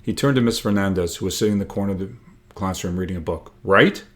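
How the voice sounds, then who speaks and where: A man with a low-pitched voice reads his own book aloud at a racing pace. His storytelling is expressive, and he lifts the dialogue with animated emphasis.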